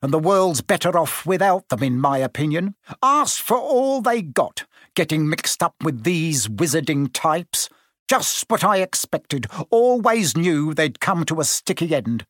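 A man's voice: extremely high pitch, big pitch swings, extremely slow, hardly any pauses, fairly bright tone, breathy edge, no echo, clean studio sound, voice pushed up, full character voice. A man reading aloud and voicing a blustering, bullying middle-aged uncle who snarls and sneers. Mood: sneering.

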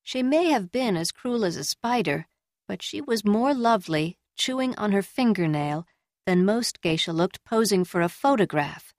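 A woman's voice: mid-range voice, expressive, normal speed, no echo. Woman narrating a novel, dry close sound. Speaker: audiobook reader. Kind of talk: scripted narration.

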